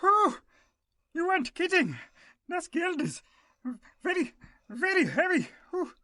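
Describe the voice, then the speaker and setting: A man's voice: very high-pitched, very animated, slow pace, pushed and bright, no room sound, studio quality, exaggerated voice. A man voicing an eager superhero. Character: eager male German superhero.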